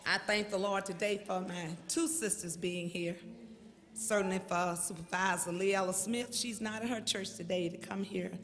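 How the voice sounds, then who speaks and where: A woman evangelist preaching a sermon in a church, slow and emphatic, rising to fervent exclamations. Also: medium pitch, steady tone, fairly bright tone, slight background noise. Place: large church sanctuary. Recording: long church hall reverb.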